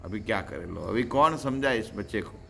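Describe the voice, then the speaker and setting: Man, devotional preacher, animated storytelling, chanted verses, bright tense voice, faint noise. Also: lowish voice, normal speed, creaky.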